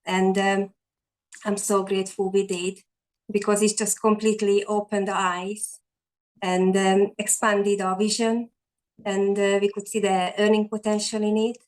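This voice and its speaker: Speaking a little slowly and a little mellow, a Hungarian woman in her forties, an online entrepreneur, earnestly tells her story as a guest on a video call. Her mid-range voice shows little pitch movement, her Hungarian accent is clear, and fillers and restarts abound in this casual interview, recorded with poor audio.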